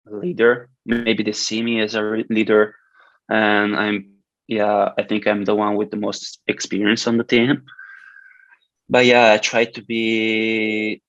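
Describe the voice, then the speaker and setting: Guesting in a casual video-call interview, a twenty-something swimmer from Switzerland whose first language is Italian speaks with a Swiss Italian accent, fairly low in pitch. He halts often, restarting and using fillers. He's in an indoor room with curtains, and the laptop camera captures dry, dull, lo-fi audio.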